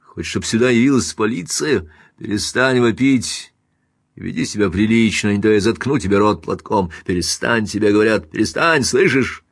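A man reading an audiobook and voicing a powerful, angry man who barks orders in a hoarse voice. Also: lowish voice, expressive, normal speed, no echo, studio quality. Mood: commanding anger. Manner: barking orders. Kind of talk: audiobook character voice.

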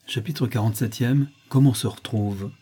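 Male audiobook narrator, husky, mellow dark voice, measured reading. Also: mid-range voice. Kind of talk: scripted literary narration.

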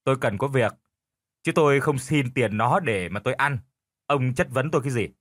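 A man voicing a sharp-tongued, thrifty older village wife who scolds her lazy husband with sarcasm. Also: mid-range voice, expressive, moderate pace, dry recording, clean studio sound. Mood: curt.

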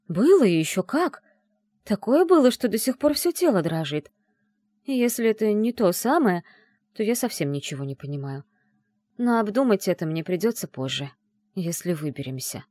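A woman reading a first-person novel aloud in an expressive, emotional way. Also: medium pitch, no echo, clean studio sound. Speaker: audiobook narrator.

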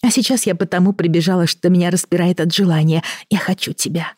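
A man's voice: sits high, steady tone, fast, a little mellow, dry recording, studio quality, pitched above the performer's own voice. A man voicing a middle-aged woman lover, earnest and pleading, in an audiobook reading.

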